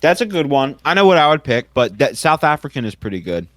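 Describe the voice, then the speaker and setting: A man's voice: a little high, big pitch swings, brisk, fairly bright tone, dry recording. A man co-hosting a casual podcast, laid-back and agreeable, often chuckling as he chats. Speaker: podcast co-host. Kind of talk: casual chat.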